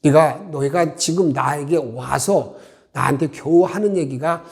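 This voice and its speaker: A man acting out a stern male teacher who loudly scolds a doubting father. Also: on the high side, unhurried, creaky. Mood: angry rebuke. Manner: loud, scolding, near-shouting.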